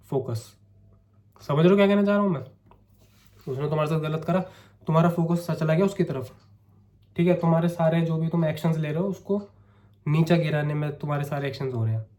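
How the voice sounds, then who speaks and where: A young male vlogger with a slightly high, darkish voice chats to the camera in a casual vlog. His throat is sore and he coughs, yet he stays chatty and coaxing toward his viewers, repeatedly saying "theek hai."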